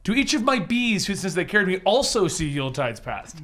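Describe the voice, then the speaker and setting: A man's voice: sits high, very animated, a little fast, bright, forceful tone. A man playing a tabletop game, chatting casually with a playful, mischievous, joking manner.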